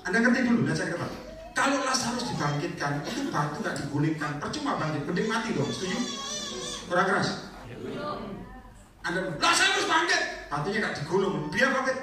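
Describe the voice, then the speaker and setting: A man preaching a lively, colloquial charismatic sermon to a congregation, teasing and exhorting them. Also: high-pitched, a little fast, long pauses, a crowd in the background. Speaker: evangelist. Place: prayer meeting hall. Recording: echoey hall, mic far off, faint noise.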